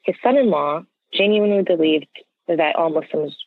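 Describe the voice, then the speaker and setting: A creaky, medium-pitched voice at normal speed belongs to an American interview guest who speaks earnestly and conversationally. He lays out his points and keeps checking with "right?", heard through a tinny, narrow phone line with no echo.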